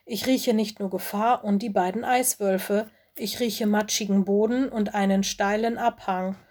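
A woman's voice: medium pitch, fairly even intonation, measured pace, darkish tone, close to an everyday voice. An earnest young male forest animal who sticks to his promises despite his fear, as a woman reading a storybook puts him on. Her own voice, only lightly coloured. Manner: earnest, determined. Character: young forest-school animal, male, brave but anxious.

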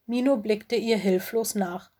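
A woman reads a children's story aloud with clear, expressive delivery. Her voice sits at a medium pitch. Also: unhurried. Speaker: audiobook narrator.

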